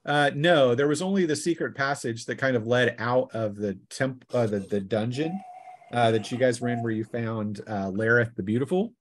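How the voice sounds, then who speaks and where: Narrating as game master of a tabletop roleplaying session, a man makes up his descriptions on the fly, pausing haltingly. He has a mid-range voice, and there's a little hiss or hum.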